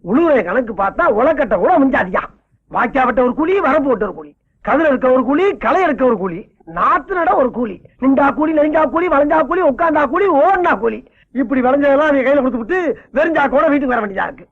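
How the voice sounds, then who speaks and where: Comic role: greedy son-in-law, very high and quick, wailing, phone-thin old film track. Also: male voice, expressive. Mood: grumbling. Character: greedy scheming son-in-law, loud whiny man. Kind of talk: Tamil film comedy acting. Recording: lo-fi film audio like a phone line.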